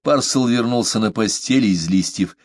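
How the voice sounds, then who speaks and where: A man reading a novel aloud as an audiobook narrator, in an expressive, lively manner. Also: fairly low pitch, normal speed, dry recording, clean studio sound.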